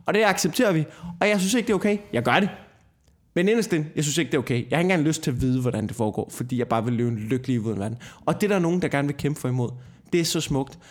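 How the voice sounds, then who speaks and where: Ranting, swearing podcast host. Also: male voice, fairly high pitch. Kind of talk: casual podcast chat.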